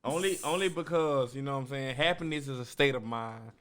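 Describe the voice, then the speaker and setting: An earnest man chatting on a podcast, slow to settle on his point and repeating himself as he thinks aloud. His voice sits at an ordinary middle pitch for a man. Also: fairly bright tone. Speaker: podcast co-host. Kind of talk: casual group chat.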